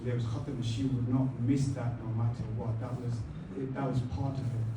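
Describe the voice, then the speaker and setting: A man delivering a eulogy to a gathering, speaking with dignified, measured grief and reverence. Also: mid-range voice, little pitch movement. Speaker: son giving a eulogy. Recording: distant, echoey, faint noise, muffled.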